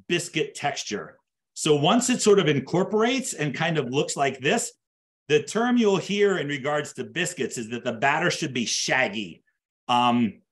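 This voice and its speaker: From his home kitchen, a chef in his fifties runs a live online cooking demonstration, chatting casually and restating points in different words to make them clear. His voice sits on the high side with a fairly bright tone.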